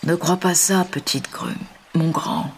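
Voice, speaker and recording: A man voicing a wise, protective panther who counsels softly, often half-whispered. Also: a little high, slow, vocal fry, background noise. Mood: gentle.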